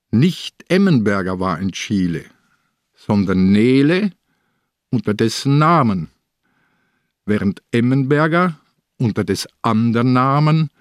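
An actor playing a calm, shrewd aging police inspector in a radio play, reasoning aloud in a measured way. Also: male voice, medium pitch, no room sound, studio quality. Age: older.

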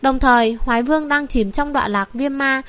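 A woman narrating a fantasy novel in steady, even scripted reading. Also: high-pitched, brisk, dry recording. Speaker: audiobook narrator.

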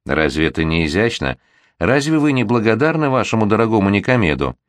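A man voicing an excitable little girl who teases and coaxes, in a read-aloud storybook. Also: lowish voice, brisk, dry recording. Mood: gushing. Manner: eager, exclaiming, coaxing.

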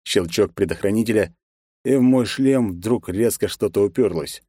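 A man's voice: lowish voice, normal speed, dark tone, husky, dry recording, clean studio sound. A man narrating a fiction audiobook in the first person, reading steadily and expressively.

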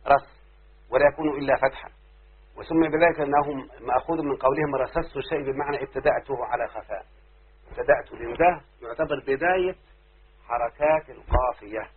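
A man's voice: mid-range voice, quick pace, slightly rough. A man with an Egyptian accent teaching a classroom lesson as a sheikh, stopping often to quiz his students. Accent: Egyptian Arabic. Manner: keeps quizzing students with repeated questions. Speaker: sheikh teaching Arabic rhyme. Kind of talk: classroom lecture. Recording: very tinny lo-fi recording.

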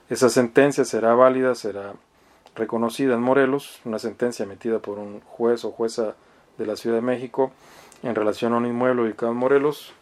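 A law professor from Mexicali, Baja California, Mexico, speaks with a northern Mexican accent in a mid-range, slightly mellow voice. His explanatory lecture has him reading articles aloud and commenting, didactic yet hesitant, often seeking agreement through small questioning tags.

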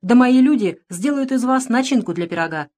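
A woman's voice: a little high, expressive, a little fast, voice pushed up, lightly acted. Woman playing a brash mocking giant outlaw. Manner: sneering, loud. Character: big brash male outlaw, mocking and threatening.

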